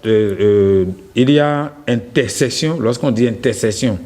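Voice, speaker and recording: A man on a morning TV show, explaining French pronunciation slowly and carefully, repeating his example phrases. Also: mid-range voice, mellow. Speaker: French language expert guest.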